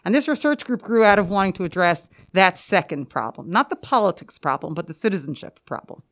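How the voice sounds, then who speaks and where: A woman's voice: lowish voice, expressive, fairly quick. Articulate American woman, slightly mask-muffled. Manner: articulate, rhetorical questions, emphatic phrasing. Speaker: interview guest, school administrator and researcher. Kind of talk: explanatory interview answers. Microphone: podcast microphone, through a face mask.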